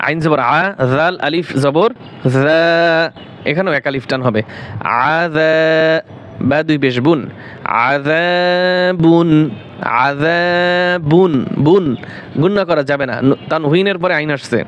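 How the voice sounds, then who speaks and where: A man with a Bangladeshi Bengali accent teaching Quran recitation, spelling out letters syllable by syllable and drawing recited words out slowly, often asking and answering his own questions. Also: fairly high pitch, a little hiss or hum. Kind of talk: slow spelling-out Quran lesson.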